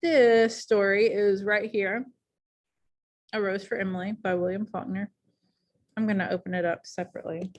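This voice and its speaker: A woman teaching a high school English class in a casual, chatty way, full of ums and likes, speaking in a classroom. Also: fairly even intonation, normal speed, pauses often. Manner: chatty, many fillers like um and like.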